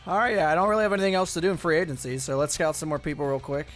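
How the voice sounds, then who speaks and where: A man's voice: on the high side, very fast, faint music behind. A young man giving casual commentary over a football video game, thinking aloud and rambling with many fillers. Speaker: gaming YouTuber.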